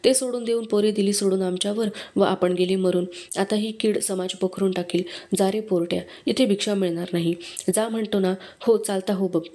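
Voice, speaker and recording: A harsh older village man who scolds with contempt, as a woman reads his lines. The voice stays mellow and unhurried. The man comes from a storybook reading. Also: mid-range voice, steady tone, lightly acted. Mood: scolding.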